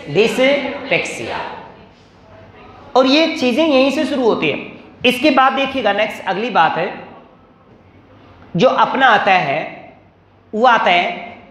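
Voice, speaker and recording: A man's voice: extremely high pitch, a bit bright, echoey room. A male teacher giving a classroom lecture, asking questions and answering them himself.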